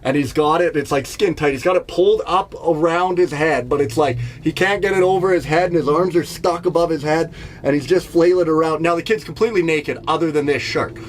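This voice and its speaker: A man's voice: a little high, fairly quick, a little hiss or hum. A middle-aged man from Canada telling stories in a rambling, self-mocking comedy podcast monologue. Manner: rambling, self-mocking, laughs at his own bits. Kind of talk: casual storytelling monologue. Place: in Jasper, staying in an RV.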